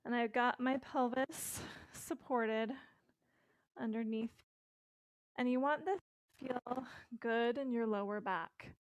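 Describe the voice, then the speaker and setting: A middle-aged woman guiding a yoga session with calm, gentle instructions and casual fillers, recorded indoors on a close mic. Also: on the high side, slow, pauses often, clear, resonant tone, no room sound.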